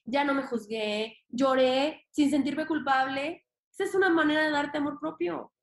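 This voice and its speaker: High-voiced Mexican woman, expressive. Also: normal speed. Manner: emphatic, expressive, casual swearing and slang. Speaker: podcast guest. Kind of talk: casual interview talk. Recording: roomy echo.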